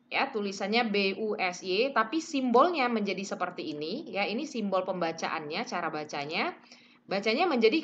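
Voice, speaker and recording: A woman's voice: mid-range voice, fairly bright tone, a little hiss or hum. Woman, pronunciation teacher, casual and chatty, slips into English phrases, models vowel sounds, muffled lo-fi audio. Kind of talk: casual online lesson.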